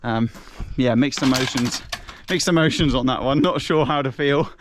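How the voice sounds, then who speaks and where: A man talking outdoors on a farm in an upbeat, chatty vlog style. His voice sits at an ordinary middle pitch, and a faint background hiss runs underneath. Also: moderate pace. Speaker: family vlog host. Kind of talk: casual vlog narration.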